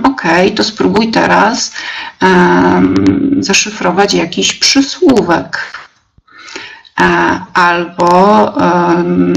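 A young woman teacher leading a live webinar, explaining step by step with many fillers and pauses. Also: lowish voice. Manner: slow, hesitant, many fillers, reads out chat replies.

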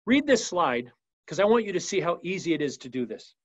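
A man with a fairly high voice teaches a business webinar in a lively, emphatic style. The sound is dry and a little dull, like audio from a video call. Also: a little fast, no echo. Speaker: webinar presenter. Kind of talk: energetic business training talk. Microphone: video call mic.

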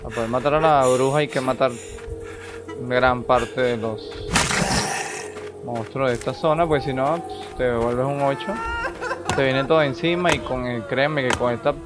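A man's voice: medium pitch, moderate pace. A man hosting a gaming channel, giving casual gameplay commentary and thinking aloud as he plays. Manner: rambling, thinks aloud while playing. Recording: game music playing behind the voice. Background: game music.

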